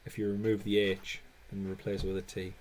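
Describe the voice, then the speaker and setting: A man's voice: low-pitched, monotone, brisk, a little mellow, slight background noise. A man hosting a live stream with casual, chatty commentary.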